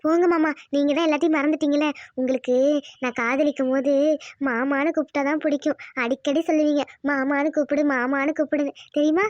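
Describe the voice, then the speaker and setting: A woman's voice: high voice, fairly even intonation, fast, no room sound, muffled recording, natural voice. A woman voicing a sweet, coy young village wife, cooing and affectionate in a cartoon.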